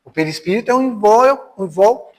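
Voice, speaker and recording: A man's voice: sits high, animated, fast talker. A Brazilian man giving a spiritist lecture, telling personal stories in a conversational way and asking the audience rhetorical questions. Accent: Brazilian Portuguese. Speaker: spiritist speaker. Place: spiritist center hall. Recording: reverberant hall.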